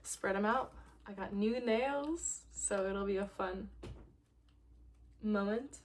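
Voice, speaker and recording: A woman giving a casual tarot reading to camera, gentle and reflective, laughing lightly and sometimes dropping to a soft near-whisper. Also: mid-range voice, takes it slowly. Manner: laughs lightly between thoughts. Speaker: tarot reader.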